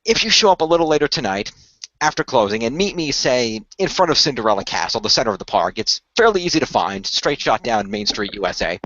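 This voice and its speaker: Quick-paced with big pitch swings, medium pitch and a bit of brightness, this dry, no-room-sound voice plays an earnest company recruiter in an improvised radio play. Reassuring and persuasive, he pitches a secret magical project in formal, wordy, hedging language, captured on a dull lo-fi recording.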